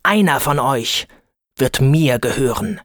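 A man voicing a huge male dragon who blusters and roars but is a coward at heart, stretching his threats out slowly. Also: medium pitch, expressive, a bit bright, dry recording, clean studio sound. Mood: menacing. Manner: roaring, slow and drawn out.

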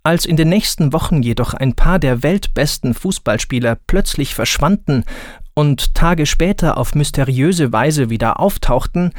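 A man reads a children's story aloud in a calm, deliberate storytelling manner. His voice sits somewhat high and moves slowly and carefully, and the recording is dry and close with no room sound. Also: no echo. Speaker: narrator. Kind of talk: scripted children's story narration.

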